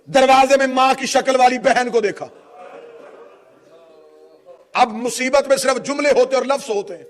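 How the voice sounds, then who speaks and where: High-voiced Pakistani preacher, impassioned wail. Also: male voice, fairly even intonation. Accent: Pakistani Urdu. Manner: impassioned, rising into a tearful chanting wail. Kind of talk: mourning sermon.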